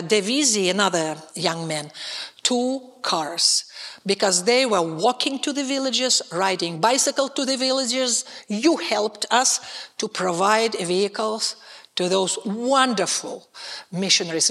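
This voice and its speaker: A mature woman with a Russian accent speaks as a missionary preacher. Her voice is bright and forceful at an average pitch. She picks her way through imperfect English, pausing to find words as she addresses a church. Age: middle-aged or older. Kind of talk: church testimony with picture presentation.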